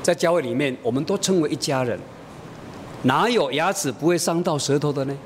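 Storytelling pastor in an echoey hall. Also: male voice, fairly quick. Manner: storytelling, acts out dialogue. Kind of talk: sermon with a personal story. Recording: echoey hall, faint rumble.

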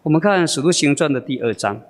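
A man preaching a sermon with expressive delivery and frequent drawn-out fillers. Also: a little high, big-room sound, slight background noise.

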